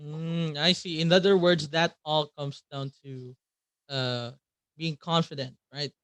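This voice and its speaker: A man hosting a podcast, asking interview questions in a measured way. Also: on the high side, fairly even intonation, a bit bright, smooth, no room sound. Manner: slow, measured, with short laughs and backchannels. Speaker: podcast host.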